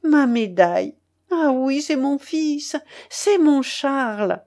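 A woman's voice: unhurried, darkish tone. A woman playing a frail, tearful old mother. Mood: overjoyed. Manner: pleading, emotional, higher voice. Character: poor worn-out old mother, tearful and tender. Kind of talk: audiobook character reading.

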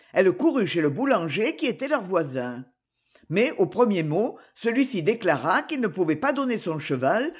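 A woman narrating a novel chapter as an audiobook reader, with measured, expressive storytelling. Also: mid-range voice, breathy edge. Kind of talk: scripted narration.

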